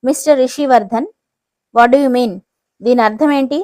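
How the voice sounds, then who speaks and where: A pushy, indignant company boss, as a woman narrator plays him, loud and quick to anger. The voice is a little high and recorded dry and close. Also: dry recording, natural voice. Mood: angry, pushy. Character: angry, pushy middle-aged company CEO.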